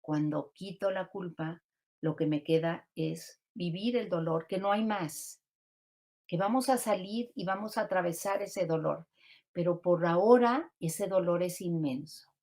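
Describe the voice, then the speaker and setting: A woman grief counselor giving a calm, reflective teaching talk on grief, often asking rhetorical questions. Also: fairly low pitch, measured pace.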